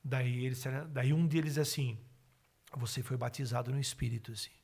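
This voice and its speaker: A man's voice: medium pitch, brisk, vocal fry, husky. A middle-aged man, telling his personal testimony as a podcast guest and acting out the words of the people in it. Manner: animated, acts out his own and others' words.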